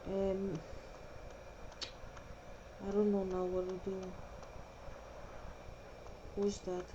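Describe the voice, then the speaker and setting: Drawing out her words in a mid-range voice, a Greek-accented gaming vlogger who speaks Greek natively gives casual commentary on her game. She's blunt, curses constantly, and goes on animated rants, with background noise and the high frequencies cut off.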